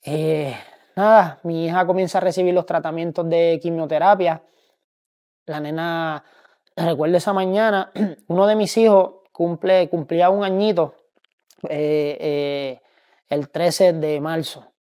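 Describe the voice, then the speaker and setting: A man in his thirties with a Puerto Rican accent, giving a personal faith testimony, halting and grieving with many pauses. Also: a little high, fairly even intonation, dark tone. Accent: Puerto Rican Spanish. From Puerto Rico. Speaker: testimony speaker.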